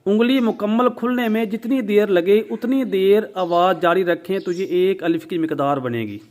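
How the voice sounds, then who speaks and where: A man with a Pakistani Urdu accent teaching Quran recitation rules, explaining patiently step by step and drawing out vowels to demonstrate. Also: high voice. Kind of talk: tajweed lesson.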